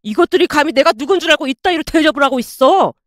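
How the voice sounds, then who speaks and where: A woman reading the part of an arrogant young man who taunts and yells at restaurant staff, in a story narration. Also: high-pitched, animated, fast talker, no echo, clean studio sound. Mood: sneering. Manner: sneering, yelling insults. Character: arrogant bullying young male customer.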